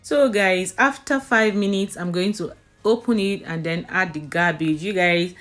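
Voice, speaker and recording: Lower-pitched woman narrating recipes. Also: measured pace, fairly bright tone, soft background music. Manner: chatty, addresses viewers as "you guys" often. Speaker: cooking vlogger.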